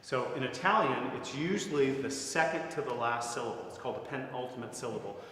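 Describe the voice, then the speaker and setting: A man's voice: mid-range voice, a little fast, a bit bright. A middle-aged man leading a voice masterclass, talking conversationally and often checking in with his students. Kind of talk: masterclass teaching. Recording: echoey hall with long reverb, faint noise.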